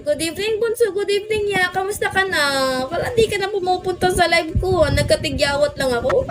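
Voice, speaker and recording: A woman's voice: extremely high pitch, a little fast. A woman from the Philippines with a Filipino accent, chatting on a livestream and greeting viewers by name. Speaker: livestream host. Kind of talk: casual livestream chat.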